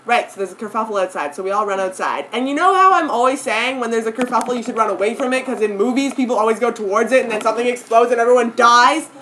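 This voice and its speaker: A woman's voice: a little high, quick pace, hardly any pauses, a bit bright, slight background noise, low-quality recording. A young woman casually telling a friend about her dream on camera, giggly and easily sidetracked, filling her talk with "like" and "anyways". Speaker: vlogger. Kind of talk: casual rambling story to a friend. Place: indoor room with friends.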